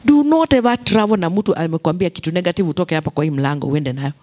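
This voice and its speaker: A woman's voice: lowish voice, fast talker, darkish tone. A Kenyan woman pastor preaching a sermon, repeating key phrases, mixing English with Swahili and calling for responses from the congregation.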